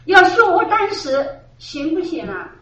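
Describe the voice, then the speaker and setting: A woman's voice: very high-pitched, very animated, a little slow, sharp tone. A middle-aged woman giving an earnest personal testimony at a church gathering, repeating phrases and laughing now and then as she tells it. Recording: echoey, distant, dull room recording.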